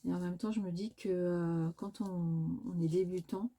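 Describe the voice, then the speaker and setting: A woman's voice: lowish voice, fairly even intonation, moderate pace, dark tone. A woman hosting a crafting tutorial, talking casually and hesitantly with many filler sounds and self-corrections as she works. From France. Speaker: crafting video host.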